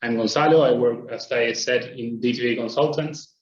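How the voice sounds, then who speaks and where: A man from Argentina, presenting a webinar in a steady, explanatory way. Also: medium pitch, normal speed, echoey room, muffled recording. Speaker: traffic planner presenting.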